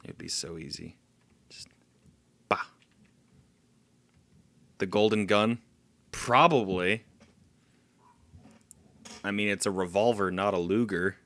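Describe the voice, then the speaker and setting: A gameplay streamer with a slightly bright voice on the low side takes things slowly, leaving long pauses as he plays a stealth game. He chats casually, curses, erupts in frustration and laughs at his own mistakes.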